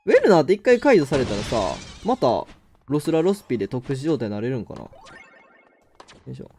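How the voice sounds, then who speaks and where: A man with a Kansai accent giving excitable live commentary on his own game, exclaiming and laughing often. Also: mid-range voice, brisk, a little hiss or hum. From Kansai, Japan. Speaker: game streamer.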